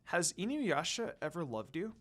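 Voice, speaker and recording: A woman's voice: lowish voice, very animated, moderate pace, fairly bright tone, faint music behind. A woman voicing an innocent, caring little girl in a story reading, timid and questioning. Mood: curious, sympathetic.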